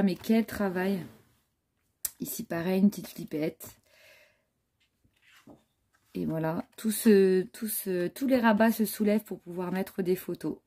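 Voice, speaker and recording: With a mellow, mid-range voice, a woman vlogger casually presents a handmade scrapbook album. Her show-and-tell chat is full of admiring asides and fillers.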